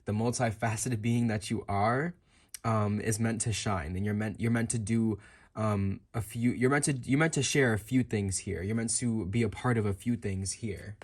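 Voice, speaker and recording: Speaking at a moderate pace in a fairly low voice, a male tarot card reader addresses the listener with an improvised reading. He muses as he talks, looping back to repeat and reword what he said.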